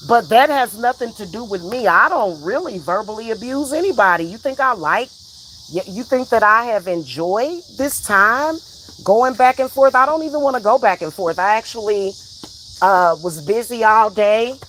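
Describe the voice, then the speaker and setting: A woman vlogger and spiritual reader goes on a heated personal rant, emphatic and profane, repeating herself for emphasis. Her voice is a little high and expressive, with a fairly bright tone and a moderate pace. There's slight background noise.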